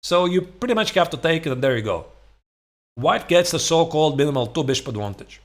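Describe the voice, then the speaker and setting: A man in his forties coaches chess in a fairly high voice with very animated intonation. He explains conversationally and leans on certain points, often checking that the listener follows. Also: fairly quick. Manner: conversational, emphatic, rhetorical check-ins like "right?". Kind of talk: instructional chess commentary, explaining opening lines. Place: small home room, indoors.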